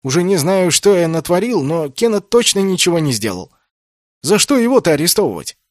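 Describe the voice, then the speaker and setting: Brief: male reader as a cocky young soldier, high and loud, indignant, dry audiobook sound. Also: very animated, brisk, no echo. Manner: loud, protesting, mocking.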